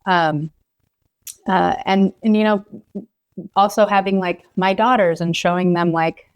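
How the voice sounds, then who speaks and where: A woman's voice: fairly low pitch, steady tone, unhurried, smooth, dull audio. A woman from Los Angeles in her thirties, a physician guest talking in a casual, hesitant way full of ums, likes and you knows. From Los Angeles, California. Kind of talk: casual podcast conversation.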